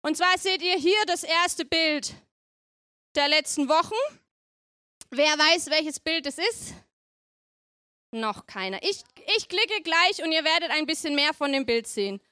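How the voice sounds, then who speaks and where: A woman's voice: high voice, animated, a little slow, pauses often, bright, forceful tone, no echo. A woman preaching playfully in church, chatting with the congregation and asking them questions. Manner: playful, chatty, asks the audience often. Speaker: preacher at a family service. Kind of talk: lively sermon with questions to the congregation.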